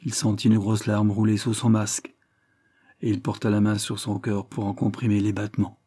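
A man narrating a historical novel in measured, even storytelling. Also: fairly low pitch, husky. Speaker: audiobook narrator.

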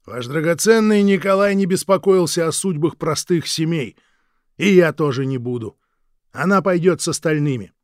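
A man's voice: medium pitch, darkish tone, no echo, clean studio sound, natural voice. A man doing a sneering, barking revolutionary guard. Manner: sneering, commanding, drawn-out menace. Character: harsh cruel male revolutionary guard.

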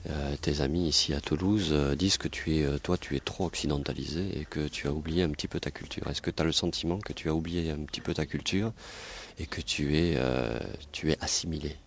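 A man's voice: very deep voice, steady tone, fairly quick, slightly rough. A male interviewer asking long, hesitant questions.

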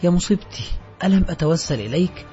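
A man's voice: sits high, lively intonation, fast talker. A man narrating a novel, voicing a young woman who pleads in despair. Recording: dull audio with soft background music.

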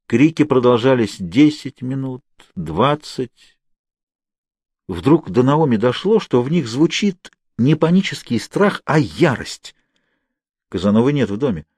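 A man narrating an audiobook in a measured, even storytelling manner, recorded on a close mic. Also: mid-range voice, husky, no room sound.

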